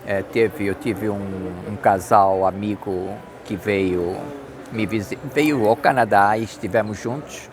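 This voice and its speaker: Man, Brazilian Portuguese accent, middle-aged, very slow pace, repeats and spells words, outdoor street noise. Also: fairly low pitch. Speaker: English tips vlogger. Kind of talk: casual spoken lesson. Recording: noisy outdoor street recording.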